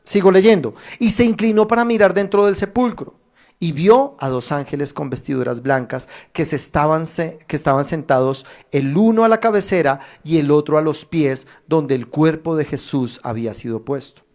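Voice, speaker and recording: High-voiced man preaching emphatically. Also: moderate pace, a little mellow. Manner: preaching with emphatic rises and direct appeals. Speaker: pastor. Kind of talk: sermon. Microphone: streamed online service.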